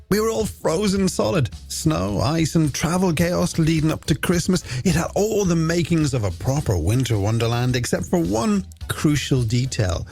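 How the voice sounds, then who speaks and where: With a fairly high, slightly mellow voice, an Irish presenter runs a late-night music program on the radio, his scripted links friendly and chatty toward listeners. He's in a radio studio, with a music bed running behind his speech.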